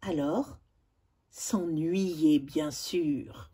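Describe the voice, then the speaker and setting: A woman, a teacher slowly going over spelling exercises and spelling out letters one by one. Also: sits low, dark tone, slightly rough. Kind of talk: spelling lesson correction.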